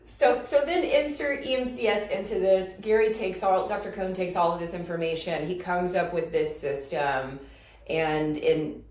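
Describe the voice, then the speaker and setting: A woman's voice: fairly low pitch, steady tone, normal speed, darkish tone. A woman who works as an energy practitioner, explaining her method in casual podcast chat and laughing often. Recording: roomy, distant mic.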